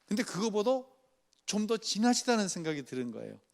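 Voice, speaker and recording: A man with a fairly high voice leads a church study. He tells a story in an easy conversational way and speaks straight to the congregation, asking them to write along with him. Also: big pitch swings, a little fast, creaky. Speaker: pastor. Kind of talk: afternoon church study sermon. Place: church sanctuary.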